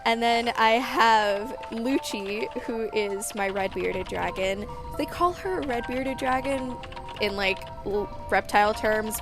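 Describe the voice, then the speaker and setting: Feminine young woman chatting casually over music. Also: a little high. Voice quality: feminine-sounding. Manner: self-conscious, apologetic, rambling with self-mocking asides. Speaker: gaming channel creator.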